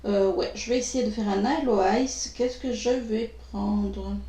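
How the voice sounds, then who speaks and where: A French-speaking woman doing a makeup tutorial, talking slowly with many pauses and fillers. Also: mid-range voice, steady tone, mellow. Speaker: beauty vlogger. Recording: echoey room.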